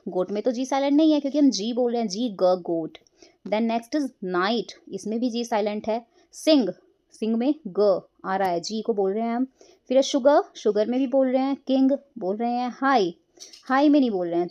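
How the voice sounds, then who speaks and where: A woman teacher explaining a school textbook lesson, mixing Hindi and English and reading English lines slowly before explaining them. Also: a little high, mellow, highs cut off.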